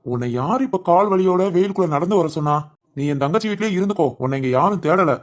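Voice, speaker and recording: A woman voicing a gruff, short-tempered village husband and father who scolds his wife quickly and sharply in a cartoon. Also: fairly low pitch, expressive, lightly acted. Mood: irritated. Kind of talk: cartoon voice acting.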